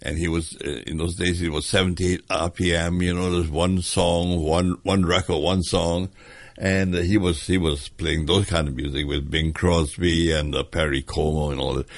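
A man's voice: low-pitched, little pitch movement, normal speed, no echo. An older man from Hong Kong, reminiscing hesitantly with many fillers in an interview. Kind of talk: oral history interview.

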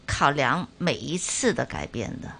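A woman hosting a conversational interview, often tagging sentences with soft particles and short affirmations. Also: sits low, big pitch swings, moderate pace. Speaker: interview host. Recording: clearly noisy background.

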